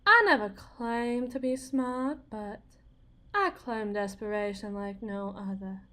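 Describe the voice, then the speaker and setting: In an ASMR drama roleplay, a woman plays a desperate, wounded, wry farm wife, her delivery folksy, sardonic and halting. Her voice is on the high side with a sharp tone, and the mood is bitter and rueful.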